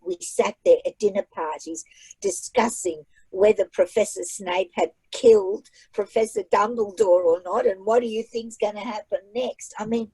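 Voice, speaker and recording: A husky, dark, mid-range voice belongs to a woman author who came to Australia at age nine and learned English as her second language. Talking casually for an online library event over a video call, she's chatty and emphatic and often repeats phrases for effect. The audio is poor but has no echo.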